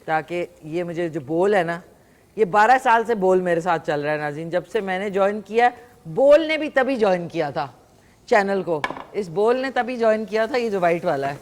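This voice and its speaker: A woman's voice: on the low side, expressive. A woman hosting a live morning show, chatting and teasing callers while she cooks in a studio kitchen on a lapel mic. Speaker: morning show host and cooking presenter. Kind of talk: live TV chat and cooking demonstration.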